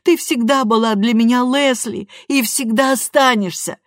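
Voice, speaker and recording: A woman's voice: on the high side, normal speed, no room sound, studio quality, voice pushed up, close to an everyday voice. A woman voicing a worried, tearful middle-aged mother who scolds and frets, in an audiobook. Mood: shocked. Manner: fretful, reproachful, tearful. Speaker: audiobook reader. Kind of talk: audiobook character voice.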